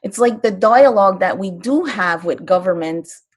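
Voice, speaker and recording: A woman's voice: mid-range voice, lively intonation, breathy edge. Earnest grandmother from Kahnawake speaking. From Kahnawake, Quebec. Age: older. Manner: earnest, halting when moved, wry laughs. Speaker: interview guest. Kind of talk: emotional personal testimony. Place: live stream.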